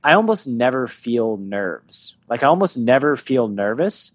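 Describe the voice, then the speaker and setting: A man's voice: mid-range voice, sing-song, unhurried. A man hosts an interview in an easy, conversational way and leads his guest with questions. His voice sits in a middle range. The sound is dry and close, with no room echo. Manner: conversational, asks leading questions. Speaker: podcast host.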